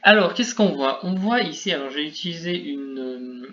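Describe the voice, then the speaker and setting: A man's voice: a little high, lively intonation, moderate pace, a bit bright. A man hosting a video game guide, methodically explaining a game skill over slides with a lightly self-mocking touch. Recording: dull lo-fi recording, faint background noise.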